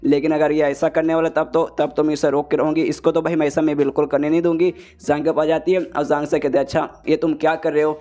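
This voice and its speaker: Fast-talking man in a slangy recap. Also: a little high, little pitch movement, dark tone. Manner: slangy, keeps saying "bhai" and "na". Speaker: comic recap narrator. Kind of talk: casual storytelling recap.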